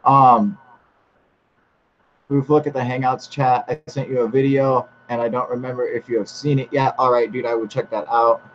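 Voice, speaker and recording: Outdoors in humid air, a man hosts a casual live UFO stream, reading viewer chat in a mid-range voice at a moderate pace. He is excitable, swears freely, and laughs often. The sound is slightly dull with a faint hiss.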